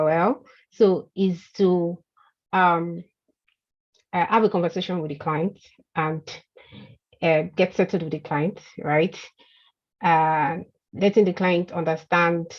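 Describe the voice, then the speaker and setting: Slow, halting woman on dull call audio. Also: lowish voice. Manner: hesitant, halting phrasing. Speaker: workshop participant. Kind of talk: unscripted spoken answer in an online training.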